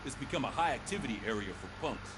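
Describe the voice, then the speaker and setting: A man's voice: mid-range voice, expressive, racing, close to an everyday voice. A man voicing a police sergeant who leads a briefing with authority. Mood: commanding. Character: commanding male police sergeant giving briefing. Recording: noisy game audio.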